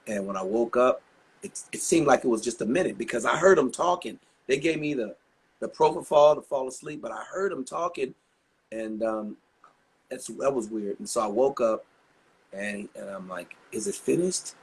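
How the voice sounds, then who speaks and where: A man's voice: mid-range voice, breathy edge. A man in his sixties, a singer being interviewed, telling long chatty stories full of asides. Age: 60s. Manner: chatty, rambling anecdotes with many asides. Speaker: guest singer. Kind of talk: casual interview storytelling.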